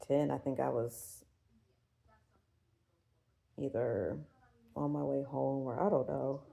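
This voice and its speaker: A woman in her forties talks loosely to her viewers with a gravelly, fry-laced voice. Her tone is dark and mellow. She rambles, swears freely and leans on fillers. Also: rumbling low, fairly even intonation, takes it slowly, poor audio. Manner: rambling, profane, full of fillers. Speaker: vlogger. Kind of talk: casual chat.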